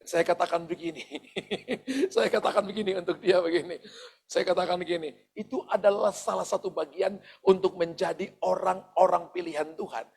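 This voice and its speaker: A man's voice: high voice, normal speed, gravelly, darkish tone, slightly rough. A male pastor giving a sermon, speaking straight to his congregation with asides and the odd chuckle. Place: church service.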